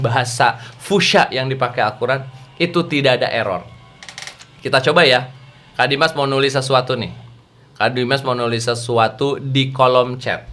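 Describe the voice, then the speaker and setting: A man teaching a youth religious class over a video call, playful and animated, quizzing his listeners as he talks. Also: medium pitch. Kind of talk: lively lecture to teens.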